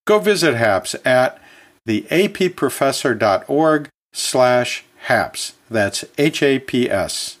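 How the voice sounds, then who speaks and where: A man who teaches anatomy and physiology hosts an educational podcast, talking in a chatty, folksy way full of casual asides. He chuckles often and corrects himself as he goes. His mid-range voice is animated and slow.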